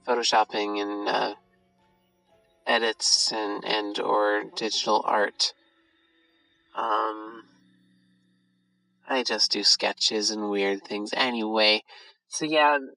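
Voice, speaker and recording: Slow, bright-voiced late-night confider, tired and rambling. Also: mid-range voice, rough recording. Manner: confiding troubles, self-deprecating; casual, frequent swearing. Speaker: podcaster recording an audio journal. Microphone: phone.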